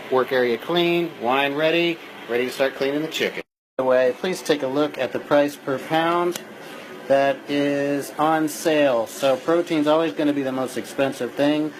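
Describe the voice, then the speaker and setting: A man's voice: a little high, slight background noise, low-quality recording. A man giving a casual, playful cooking demonstration in a home kitchen, loose and tipsy, swearing freely as he talks. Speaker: home cook hosting a cooking video.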